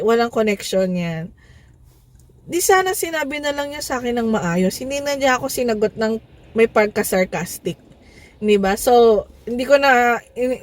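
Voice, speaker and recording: A young adult woman from the Philippines, a vlogger telling a personal story in a casual, chatty way, full of fillers and tag questions. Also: fairly high pitch.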